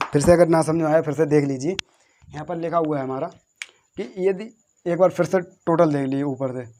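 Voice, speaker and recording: Man slowly drilling spellings, somewhat high voice. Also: dark tone. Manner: repetitive, drills words slowly letter by letter; asks questions and answers them himself. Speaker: teacher. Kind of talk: classroom-style lesson on English spelling.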